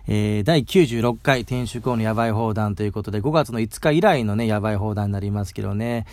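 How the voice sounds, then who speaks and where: Male host from Mie, chatty solo talk, quick and rambling, gravelly. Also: fairly low pitch, a little mellow, no echo. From Mie, Japan. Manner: rambling, chatty, tags sentences with "ne". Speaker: podcast host. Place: outdoors.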